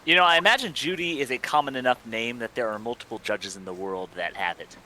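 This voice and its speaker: A man's voice: medium pitch, fast, sharp tone, low-quality recording. A man chatting casually as a co-streamer on a game livestream. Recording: clear background noise and clicks.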